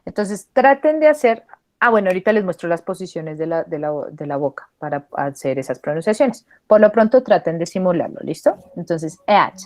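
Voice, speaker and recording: A woman's voice: on the low side, big pitch swings, darkish tone, no echo. A Spanish-speaking woman teaching an English pronunciation class, patiently modelling vowel sounds and switching between English and Spanish. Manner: patient, models sounds slowly and repeats them.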